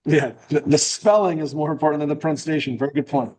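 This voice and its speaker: Fast and a little mellow, with a fairly high pitch, a middle-aged New England man gives a club meeting a friendly, joking talk from a meeting room. As the guest speaker, he's loose and keeps restarting.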